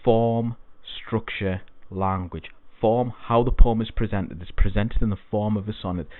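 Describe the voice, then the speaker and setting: Guy tutoring poetry for exams, lowish voice, tinny dry phone-like sound. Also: fairly even intonation, unhurried, no echo. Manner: patient, repetitive teacherly explaining. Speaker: English tutor. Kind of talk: exam-prep poetry lesson.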